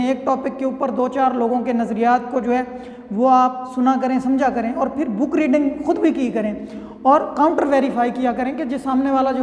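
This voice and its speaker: With a very high yet darkish-toned voice, a man gives an informal law lecture, conversational and explanatory, frequently asking "theek hai" to check in. Long reverb fills the echoey room.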